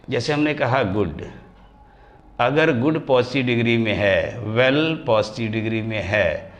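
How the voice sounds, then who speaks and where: A man teaching English grammar, his voice at an ordinary middle pitch for a man. He drags out example words slowly, syllable by syllable, and calls his students dear children. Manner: slows right down and stretches example words to spell them out. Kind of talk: classroom grammar lesson.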